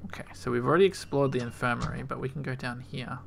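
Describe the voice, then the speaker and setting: Creaky-voiced man playing a game. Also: mid-range voice, steady tone, quick pace, a little hiss or hum. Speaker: game player. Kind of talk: let's play commentary.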